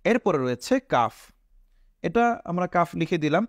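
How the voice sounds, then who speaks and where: A man with a Bangladeshi Bengali accent, teaching Quran letter pronunciation step by step, asking questions and answering them himself and drawing out each sound slowly. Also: on the high side, sing-song, no room sound, clean studio sound. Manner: slow, patient, repeats each letter sound drawn out.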